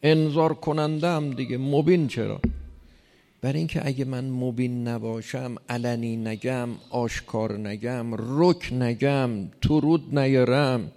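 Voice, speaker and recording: A man's voice: mid-range voice, gravelly. A man preaching a sermon in an emphatic way, pushing hard on key lines. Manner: emphatic, rising to loud stresses. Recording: long hall reverb.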